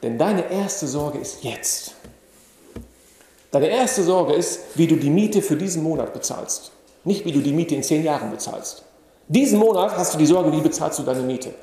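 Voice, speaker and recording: A man's voice: on the high side, expressive, normal speed, mellow, a little hiss or hum. Man preaching in an echoey hall. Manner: explains patiently with questions to the audience. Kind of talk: religious lecture. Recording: echoey hall with long reverb.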